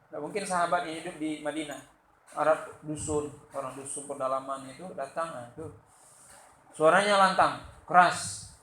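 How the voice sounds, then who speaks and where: A man from Sumatra with a Sumatran Indonesian accent, giving a loud, lively religious lecture and acting out the quotes in his stories. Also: a little high, moderate pace. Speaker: religious teacher. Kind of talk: study-circle lecture. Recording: echoey room with faint background noise.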